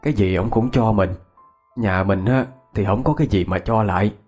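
Man voicing a rural mother, practical, urging, low voice. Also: normal speed, darkish tone, breathy edge, faint music behind.

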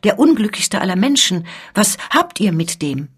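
A woman's voice: mid-range voice, big pitch swings, moderate pace, breathy edge. A woman reading as an anxious older noblewoman.

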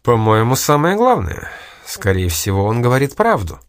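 A man reading aloud and voicing a sly, stubborn young woman, raising his pitch in a coaxing, teasing manner. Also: big pitch swings, normal speed, no room sound, natural voice.

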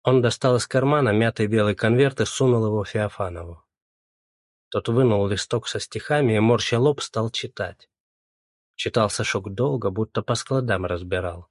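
A man narrating an audiobook in a measured, even storytelling voice. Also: on the low side, no room sound, clean studio sound. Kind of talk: scripted narration.

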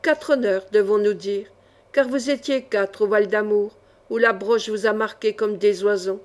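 A woman voicing a calm, ironic young male swordsman who mocks his enemies gently, in an audiobook reading. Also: mid-range voice, a little slow, natural voice.

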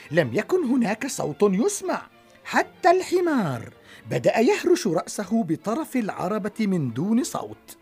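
A woman narrating a children's story in an expressive, dramatic way. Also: mid-range voice, slightly rough.

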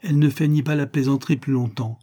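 A man narrating a classic novel as an audiobook, reading expressively with hushed asides. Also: mid-range voice, fairly even intonation, quick pace.

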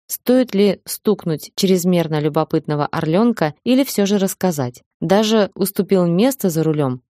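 A woman narrating an audiobook in a steady, measured reading voice. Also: fairly low pitch, dry recording, studio quality. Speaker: audiobook reader.

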